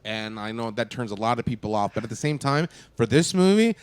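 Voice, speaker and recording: A man co-hosting a casual discussion after a horror screening, excitable, swearing and acting out lines from the film. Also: mid-range voice, a little fast, clean tone, no room sound. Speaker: co-host. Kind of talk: casual post-movie discussion.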